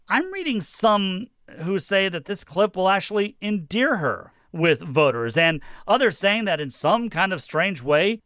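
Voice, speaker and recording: A man's voice: sits high, a bit bright, no room sound, studio quality. A man of fifty with a Michigan accent tinged by Western Pennsylvania, hosting a podcast in a chatty, self-mocking way, slightly nasal. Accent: Michigan, with a touch of Western Pennsylvania. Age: 50s. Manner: chatty and self-mocking, acts out remembered talk. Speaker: podcast host. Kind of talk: casual solo commentary.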